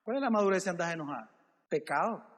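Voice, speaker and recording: A man's voice: sits high, lively intonation, fast, a bit bright, long reverb tail. A male pastor preaching a sermon, calling out "brother" and asking rhetorical questions. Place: church.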